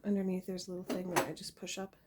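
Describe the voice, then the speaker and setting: Young woman vlogging at home on her camera, lower voice, laughs a lot, um's everywhere. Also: monotone, fast, background noise. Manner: chatty, giggly, many fillers. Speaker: homesteading vlogger. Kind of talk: casual show-and-tell. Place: home indoors.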